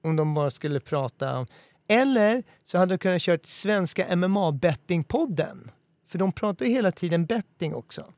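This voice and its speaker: A man's voice: high-pitched, big pitch swings, darkish tone, no room sound. A young man co-hosting a casual podcast, playful and jokey, toying with words. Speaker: podcast co-host.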